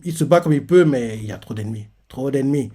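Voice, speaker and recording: A man's voice: medium pitch, lively intonation, fast talker, warm tone. A man giving a rambling, casual reaction commentary on a manga chapter. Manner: rambling, full of fillers and "en gros".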